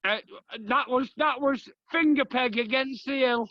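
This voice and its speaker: A man's voice: very high voice, measured pace, no echo, muffled recording. A man with a northern English accent in casual, blunt, colloquial pub-style chat about sport as a fan and host. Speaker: host, fan asking questions of a player. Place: small room in a home, kitchen.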